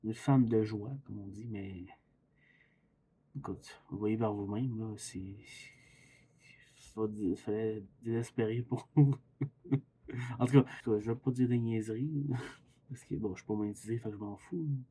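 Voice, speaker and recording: A man's voice: lowish voice, measured pace, long pauses, dark tone, a little hiss or hum. A man with a Québécois accent chatting casually as he reacts to a video, rambling and chuckling. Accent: Québécois French. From Quebec. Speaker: YouTube reaction host.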